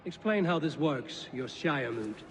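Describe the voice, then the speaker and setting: Casting: a stoic Viking chief in a game, even and measured, mid-pitched, reverb tail. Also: male voice, slight background noise. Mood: steady. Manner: calm, measured, matter-of-fact. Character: Norse raider leader, grim and steady. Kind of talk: video game dialogue.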